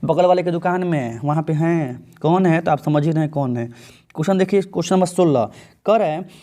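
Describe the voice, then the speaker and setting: A man teaching an exam-prep grammar lesson in Hindi with a Bhojpuri tinge, chatty and firing questions at his students, reading English sentences slowly. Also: a little high, dark tone.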